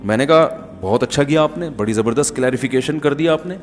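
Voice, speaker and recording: A middle-aged man with a Pakistani Urdu accent giving a conversational sermon, telling jokey anecdotes and acting out the dialogue. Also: medium pitch. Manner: jokey storytelling, acts out dialogue. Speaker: Islamic preacher. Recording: long hall reverb.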